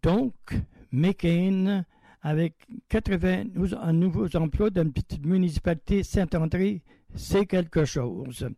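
A man's voice: sits high, takes it slowly, creaky, mellow, no echo, rough recording. A man hosting a radio show, reading a short news item and then chatting loosely about it and the next songs. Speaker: radio host. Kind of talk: casual radio presenting.

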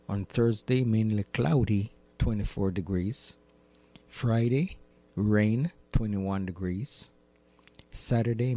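A man's voice: on the low side, warm tone. A man presenting on radio, reading scripted facts and weather forecasts.

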